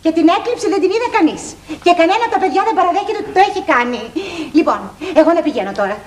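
A woman playing a flustered, indignant school headmistress in a 1980s children's TV show, with a high, theatrical, exasperated delivery. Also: sing-song. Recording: roomy old TV recording with faint hiss.

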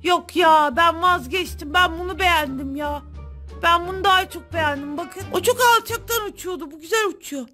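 A woman hosting her gaming channel, giving chatty, excitable gameplay commentary straight to her viewers. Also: very high-pitched, moderate pace, faint music behind.

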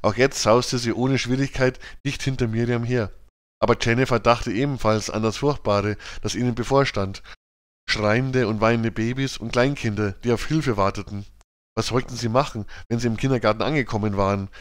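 A man reading a children's audiobook with even, clear storytelling. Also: mid-range voice, moderate pace, no room sound, studio quality. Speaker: audiobook narrator.

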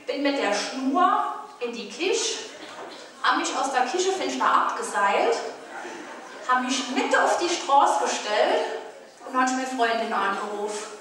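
A woman's voice: high-pitched, fairly bright tone. A woman with a Saarland German accent telling a chatty carnival comedy monologue, acting out dialogue on a stage. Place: large carnival hall with audience. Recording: distant, echoey hall with crowd.

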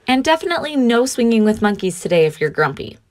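A woman's voice: on the high side, sing-song, quick pace, no room sound, voice pushed up. A woman voicing a playful, teasing old grandmother from a storybook, mock-serious and coaxing.

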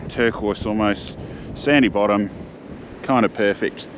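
Out on a seaside jetty, an Australian fishing vlogger talks at a measured pace in a lowish voice, casual, chatty and heavy on slang. His camera-mounted mic records from a first-person view, producing dull outdoor sound with wind noise against wind and water.

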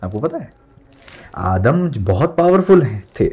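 A man's voice: medium pitch, very animated, a little slow, a little mellow, slightly rough. A young man in his twenties preaching an emphatic sermon as a pastor, mixing in English words and repeating lines for stress.

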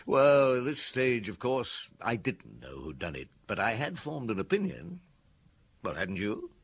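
An actor playing a seasoned, shrewd police inspector in a radio drama, speaking in a deliberate, thoughtful manner. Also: male voice, medium pitch, wildly swooping pitch, vocal fry, husky, exaggerated voice. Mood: reflective. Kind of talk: radio drama acting, dialogue and recollection.

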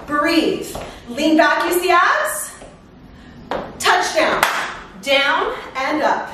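A middle-aged woman coaching a workout as an energetic, encouraging aerobics instructor, exerting herself as she calls out cues and countdowns. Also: extremely high pitch. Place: living room at home, indoors. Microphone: far camera. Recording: echoey room, far microphone, faint noise.

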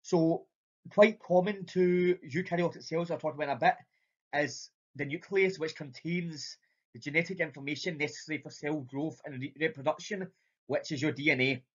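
A man's voice: on the high side, fairly even intonation, moderate pace, breathy edge. Man with a broad Scottish accent, dull recording. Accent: strong Scottish. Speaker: biology lecturer. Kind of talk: informal slide lecture. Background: voice-over for slides.

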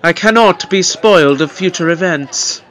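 A man's voice: sits high, normal speed, a bit bright. The Doctor, a man doing a fussy time-traveller. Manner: fussy, theatrical, scolding.

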